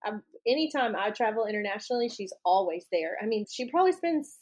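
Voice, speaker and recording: A woman co-hosting a podcast, chatty and quick to laugh. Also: mid-range voice, animated, a little mellow. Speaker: podcast co-host. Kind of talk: casual chat.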